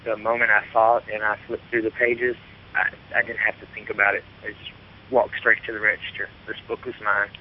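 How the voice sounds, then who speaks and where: A man's voice: on the low side, completely flat delivery, brisk, slightly rough. A man with an Appalachian Kentucky twang, co-hosting a tech radio show in casual discussion. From Kentucky, United States. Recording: tinny phone-like audio, faint hiss.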